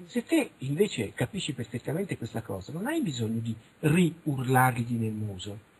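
A man's voice: mid-range voice, sing-song, normal speed, darkish tone, husky, rough recording. A middle-aged man from Italy, talking frankly and animatedly in a radio interview, now and then acting out little dialogues. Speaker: interviewed researcher. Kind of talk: radio interview, casual monologue.

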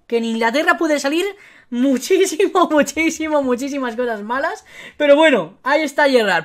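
Brief: woman game streamer, accent from Spain, high voice, chatty live commentary that bursts into excited shouts. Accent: Spain Spanish. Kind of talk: live video game pack-opening commentary.

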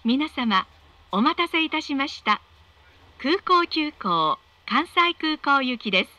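A woman reading scripted train announcements in a polite, measured, formal way. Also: high-pitched, very animated, bright, forceful tone, no room sound, dull audio.

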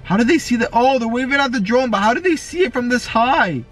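A man's voice: extremely high pitch, animated, fast, a bit bright, soft background music. A man in his twenties chatting casually as a reaction vlogger, slangy and laid-back. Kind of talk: casual reaction vlog chat. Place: bedroom, reclining on a bed.

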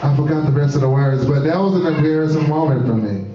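A man's voice: on the high side, fast talker, recorded from a distance. A man doing joking, profane stage banter as an open mic performer, talking into a stage mic at a live music venue. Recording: echoey, muffled live venue recording. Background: loud band music.

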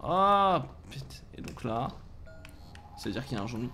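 A man streaming live as he plays a game, reacting out loud, often swearing and groaning in frustration. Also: medium pitch, big pitch swings, moderate pace, faint music behind.

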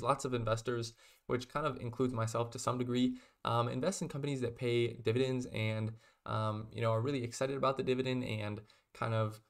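A young man in his twenties casually explaining investing lessons to his webcam from a small room, with steady delivery and frequent fillers like "um" and "kind of". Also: mid-range voice, vocal fry. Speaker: investing video host.

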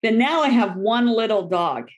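A middle-aged woman dog trainer giving a lively talk to a seminar audience, often acting out the voices of owners and dogs. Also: fairly high pitch, moderate pace, dull audio. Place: library event room.

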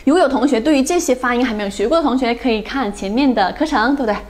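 Young woman phonics teacher, voice a bit high, repeats sounds slow and keeps checking in. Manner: drills sounds slowly, asks "对不对" often. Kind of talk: phonics lesson.

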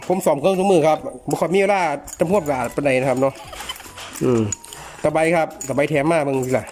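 A man's voice: on the high side, fast, darkish tone, a little hiss or hum. A man with an Isan accent, a chainsaw repairman unboxing and reviewing a saw in a chatty, joking way, talking to his viewers as brothers and sisters. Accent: Isan (Northeastern Thai). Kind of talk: casual product unboxing review.

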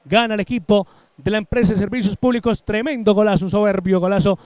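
High-pitched man, excited breakneck goal commentary. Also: fast, dry recording. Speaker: futsal play-by-play commentator. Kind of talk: live match commentary.

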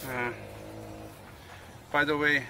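A middle-aged man, not a native English speaker, vlogging outdoors on a tropical farm. His English is halting, with many pauses and uh's, and the camera is held at arm's length. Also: fairly high pitch, level tone, noisy background. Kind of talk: casual vlog narration. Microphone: handheld camera selfie and tripod camera.

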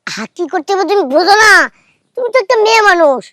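Pushy young man played by a woman, lively swooping pitch, fast talk, comedy play. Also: no room sound, studio quality, heavily acted. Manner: wheedling, impatient, drawn-out "aha".

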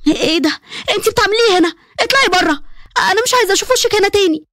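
A woman voicing an angry, scolding middle-aged mother in an animated story, with an Egyptian accent. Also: extremely high pitch, racing, dry recording, clean studio sound, voice pushed up. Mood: furious. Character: furious middle-aged mother, nervous and shouting.

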